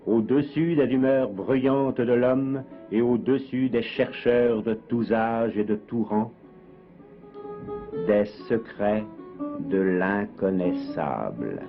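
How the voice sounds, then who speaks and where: A man's voice: mid-range voice, slow. Man narrating a documentary, solemn and poetic, 1950s tv broadcast sound, dull lo-fi archive with guitar behind. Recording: dull lo-fi 1958 archive with music. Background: plucked guitar music.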